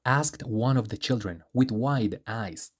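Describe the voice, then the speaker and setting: A man reading a children's story aloud as narrator, in a steady, expressive manner. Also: mid-range voice, slow, breathy edge. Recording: music playing underneath.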